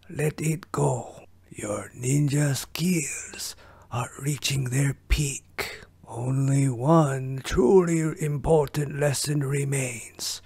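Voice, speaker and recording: A man voicing a wise old male rat ninja master in a whispered role-play, with a husky, gravelly whisper and slow, measured, fatherly teaching. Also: mid-range voice, no echo, full character voice.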